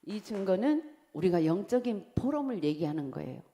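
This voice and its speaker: A middle-aged woman, a pastor's wife, giving a chatty, candid sermon that drifts between quiet outline points and laughing asides about her own life. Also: mid-range voice, very animated, normal speed. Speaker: pastor's wife preaching to Sunday school. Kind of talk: conversational sermon. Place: church sanctuary. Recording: long church-hall reverb.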